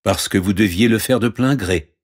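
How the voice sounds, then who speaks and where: A man voicing a gentle, earnest young prince in a storybook reading. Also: lowish voice, normal speed, breathy edge.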